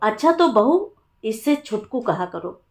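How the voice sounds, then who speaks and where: A woman voicing a stern, old-fashioned village mother-in-law who scolds in rustic speech, with a slow, higher voice. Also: very animated. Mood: bossy. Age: older.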